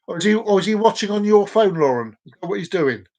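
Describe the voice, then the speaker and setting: Talking fast with lively intonation and a warm tone, a man in his 40s runs a live stream and addresses viewers head-on. His voice sits high, and he wanders playfully through casual talk, repeating words and phrases.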